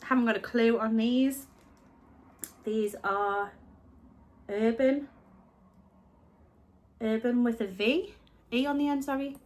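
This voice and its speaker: The British reselling vlogger's slightly high voice is a little mellow here, with fairly even intonation, a slow pace and long pauses. Snuffly from a chest infection, she chats casually about thrift finds, rambling and frequently correcting herself.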